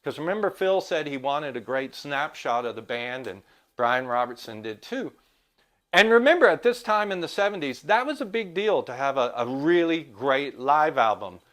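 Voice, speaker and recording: A man's voice: fairly high pitch, very animated, normal speed, a bit bright. A middle-aged man vlogging, telling a story about a record in a chatty, enthusiastic way. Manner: enthusiastic, chatty, acts out quotes. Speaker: music vlogger.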